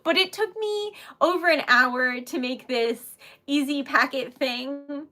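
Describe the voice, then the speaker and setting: Her voice sits high and sounds bright and forceful, though she takes her time speaking. She's a Rhode Island independent artist hosting a livestream, giggly and rambling as she chats animatedly in her regional accent.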